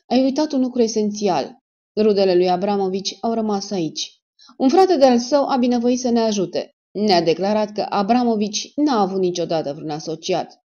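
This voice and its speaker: A woman's voice: mid-range voice, mellow, natural voice. A woman playing a stern male security major. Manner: cold, pressing, sarcastic. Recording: dull lo-fi recording.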